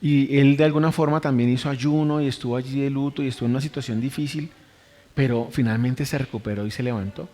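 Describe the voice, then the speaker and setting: A man delivers a sermon in an earnest manner, stacking repeated phrases for emphasis and stopping to correct himself. His voice sits at a middle pitch. The sound carries a long reverb from a church hall. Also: fairly even intonation, fast, darkish tone. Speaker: preacher.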